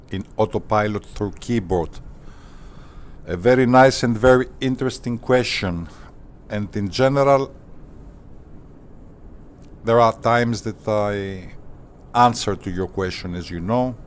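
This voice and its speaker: A man hosting a flight simulator channel, talking casually in deliberate, formal phrases with hesitant pauses. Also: fairly low pitch, a little hiss or hum. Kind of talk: casual tutorial commentary.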